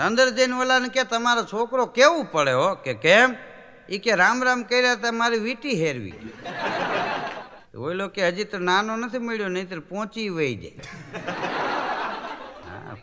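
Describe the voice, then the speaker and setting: A man's voice: high voice, long reverb tail, a little hiss or hum. A man telling comic folk stories on stage, acting out the characters' lines. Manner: animated, acts out characters' lines in changing voices. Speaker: stand-up comedian. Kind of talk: live Gujarati folk comedy storytelling.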